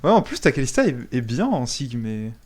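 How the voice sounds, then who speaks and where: A man's voice: mid-range voice, big pitch swings, a little fast, a little mellow. A man playing an online game, chatting casually with teammates, teasing and laughing often. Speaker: streamer playing support. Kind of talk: casual gaming chat.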